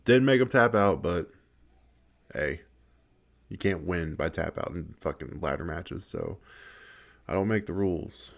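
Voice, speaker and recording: Low-voiced guy rambling over gameplay, cussing constantly, laughing, restarting his sentences. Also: expressive, unhurried, creaky, pauses often. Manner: profane, laughing often. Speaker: gaming video creator. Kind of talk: casual gameplay commentary.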